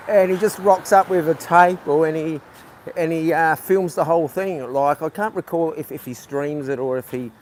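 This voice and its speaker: Man, casual live-stream chat, rambling with restarts, phone mic outdoors, faint street noise. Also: a little high. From New Zealand. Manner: rambling, halting, with many restarts. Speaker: livestreaming vlogger. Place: outdoors at a night market.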